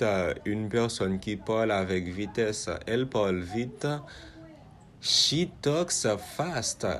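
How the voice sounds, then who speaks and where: A man teaching English verbs, drilling conjugations slowly with many repetitions and frequent check-ins. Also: medium pitch. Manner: slow, repetitive drilling, asks "Ok?" often.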